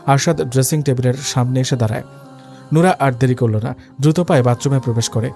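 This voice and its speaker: A man narrating a dramatic story in a steady, scripted reading. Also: medium pitch, brisk, gravelly. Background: faint background music.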